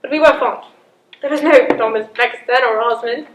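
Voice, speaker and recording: A woman's voice: fairly high pitch, moderate pace, close to an everyday voice. An actress playing a proud, cunning older queen and mother in a period drama, speaking in a grand, wry, manipulative manner. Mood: wistful, bitter. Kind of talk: theatrical period drama monologue and dialogue. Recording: echoey room, audible background noise.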